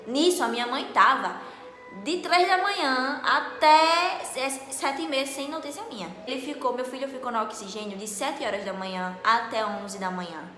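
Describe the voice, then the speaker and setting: A young woman, her voice high and very bright. She tells her story in an animated, dramatic way. The room is echoey, with a long reverb tail behind her. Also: moderate pace, faint music behind. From Northeast Brazil. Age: late teens. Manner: animated, dramatic, acts out dialogue loudly. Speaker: vlogger. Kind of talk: casual storytelling to camera.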